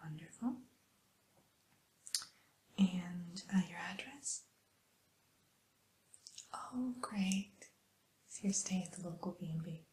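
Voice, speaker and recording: Mellow whispering woman playing a spa receptionist. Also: lowish voice, rough recording. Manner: soft unvoiced whisper, slow and soothing; gentle hesitations with "uh" and "um". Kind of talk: whispered ASMR roleplay.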